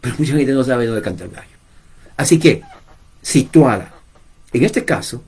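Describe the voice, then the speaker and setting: Husky man preaching emphatically. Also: fairly high pitch, mellow. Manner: emphatic, repeats points, addresses listeners directly. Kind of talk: informal preaching to camera.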